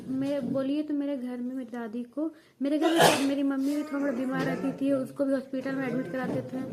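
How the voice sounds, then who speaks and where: A young woman talks straight to her viewers from home, her voice sitting high. She rambles, restarts sentences and coughs now and then, with a faint hiss of noise behind her on a phone recording. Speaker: vlogger. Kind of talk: casual vlog storytelling. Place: at home, family nearby.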